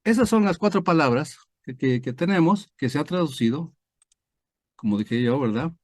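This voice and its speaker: A pastor teaching a Bible study over a video call, explaining step by step with many fillers and tag questions. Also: male voice, fairly high pitch, lively intonation, moderate pace, no echo, studio quality. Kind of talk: online screen-share Bible lesson.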